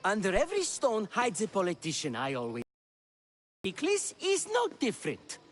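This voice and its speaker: A man's voice: high voice, huge pitch swings, moderate pace, soft background music, full character voice. An actor playing a teasing, theatrical male comic playwright in a video game. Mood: mocking. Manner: teasing, theatrical, loves his own jokes. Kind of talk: video game character dialogue.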